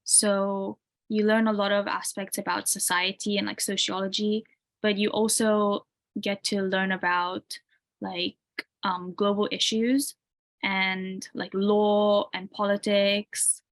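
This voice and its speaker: She speaks slowly in a mid-range voice: a relaxed university student in her twenties, British by origin and raised in Tanzania. Her interview answers are sprinkled with "um" and "like."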